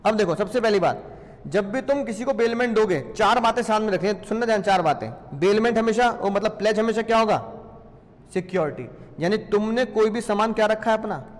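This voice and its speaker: Guy teaching, high voice, jokey, quizzes the class a lot, reverby hall. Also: lively intonation, a little fast. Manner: playful, asks and answers his own questions. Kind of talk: lively classroom lecture.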